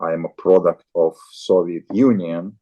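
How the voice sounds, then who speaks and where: A man in his forties from Azerbaijan, a guest in an interview, speaking haltingly with many repeated and restarted words. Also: low voice, fairly even intonation, dark tone, dull audio. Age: 40s. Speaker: guest, farrier and show jumper. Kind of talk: casual interview talk.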